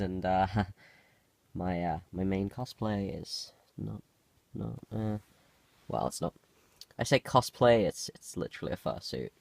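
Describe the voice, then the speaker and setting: A young man talks in a low, gravelly voice, roughened slightly by a cold. He gives a casual video-diary update, hesitating and doubling back on himself as he rambles. The recording is close and dry. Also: no echo. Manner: hesitant, self-interrupting. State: has a cold. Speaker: video diarist.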